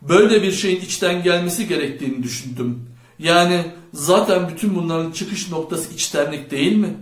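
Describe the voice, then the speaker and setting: A man's voice: sits high, moderate pace, voice pushed up, close to an everyday voice. A man voicing a bold, charismatic teenage boy who leads his friends, playful and bossy, in an audiobook. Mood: cocky. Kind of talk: audiobook character voice. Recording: roomy echo.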